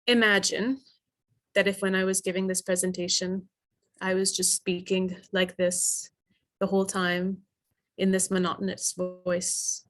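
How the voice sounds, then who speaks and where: A middle-aged woman giving interview advice in a webinar, speaking clearly with deliberate emphasis and pauses. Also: medium pitch, a bit bright. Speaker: interview coach. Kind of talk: webinar presentation.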